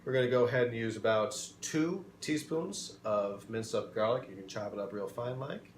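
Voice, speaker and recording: Man co-host, mid-pitched, playful and salesy, recipe steps, roomy kitchen echo. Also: moderate pace, slight background noise. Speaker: cooking show co-host. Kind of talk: casual cooking demo chat. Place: kitchen studio. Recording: echoey kitchen room.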